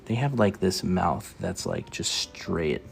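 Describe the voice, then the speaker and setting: A man's voice: sits low, wildly swooping pitch, takes it slowly, gravelly, a little hiss or hum. A man co-hosting a livestream art lesson, casually explaining drawing techniques step by step. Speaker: co-host art teacher.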